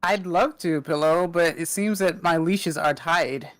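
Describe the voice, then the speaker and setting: A man bantering casually over a voice call, teasing and joking with a friend. His voice sits a little high for a man. He talks loosely, with playful jabs. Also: a little slow, fairly bright tone, no room sound. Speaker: friend calling into a stream.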